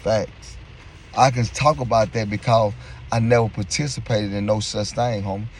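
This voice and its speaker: A man from West tells prison stories in a lowish voice. He talks casually in profane street slang and keeps calling his listener "homie", with faint noise in the background. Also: fairly even intonation, normal speed. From West Dallas, Texas. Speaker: former prisoner telling stories. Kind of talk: casual storytelling.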